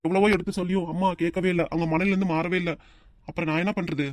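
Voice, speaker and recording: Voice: mid-range voice, flat delivery, rapid-fire, no room sound, close to an everyday voice. Someone voicing a resigned, exasperated son. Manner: resigned, matter-of-fact. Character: exasperated middle-aged son.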